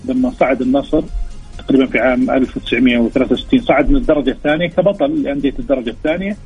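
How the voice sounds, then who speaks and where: Husky, quick-talking Saudi man explaining. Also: medium pitch, darkish tone. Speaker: guest expert, sports historian. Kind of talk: explanatory interview talk. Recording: dull lo-fi radio sound, music behind.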